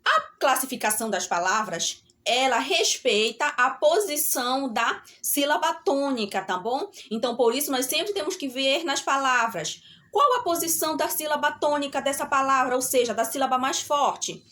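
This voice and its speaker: Brazilian woman, middle-aged, primary teacher on a remote lesson, high bright voice, slow and patient. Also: animated. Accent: Brazilian Portuguese. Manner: slow, drawn-out syllables with a repeated "tá bom?" check.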